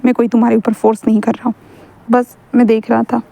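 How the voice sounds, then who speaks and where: A woman's voice: a little high, flat delivery, fast, vocal fry, warm tone. A woman voicing a polite household servant who urges his master along. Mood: urging. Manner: polite, urging.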